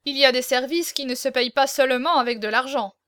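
A woman's voice: high-pitched, a little fast, no echo. A woman reading the part of a scheming, commanding nobleman prince, curt and imperious, in an audiobook. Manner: curt, imperious, louder than the narration.

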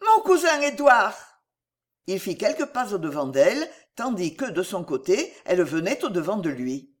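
An audiobook narrator reading a novel aloud with expressive, varied intonation. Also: mid-range voice, moderate pace.

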